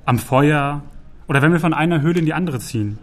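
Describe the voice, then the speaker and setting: A man's voice: a little high, animated, fast. A man doing an earnest curious troll.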